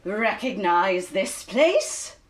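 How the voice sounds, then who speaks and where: A woman's voice: mid-range voice, very animated, drawn-out words. A woman playing a flighty, forgetful spirit in a Christmas radio play, talking in a theatrical way. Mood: grand, teasing. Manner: theatrical, scatterbrained.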